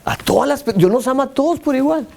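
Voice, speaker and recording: A man's voice: very high voice, expressive, quick pace, vocal fry, a little mellow. A man teaching a church class. He asks the group questions and stresses single words for emphasis.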